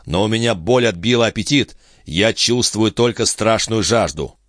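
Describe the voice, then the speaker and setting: A man's voice: on the low side, moderate pace, a bit bright, dry recording, clean studio sound, voice pushed up, close to an everyday voice. A man voicing a hot-tempered, wounded male nobleman who curses and barks orders. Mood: pained. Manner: blustering, gruff.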